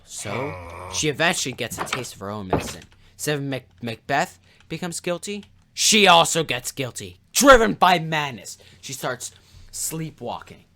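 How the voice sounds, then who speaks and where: A man's voice: mid-range voice, sharp tone, a little hiss or hum. A man casually retelling a story as a video host, rambling with restarts, sarcastic asides and mouth sound effects.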